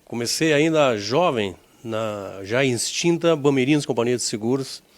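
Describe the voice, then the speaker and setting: A man in his sixties from southern Brazil with a Gaúcho accent, an insurance executive recalling his career in an interview, measured and repeating words as he searches for them. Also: mid-range voice, lively intonation. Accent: Gaúcho Brazilian Portuguese.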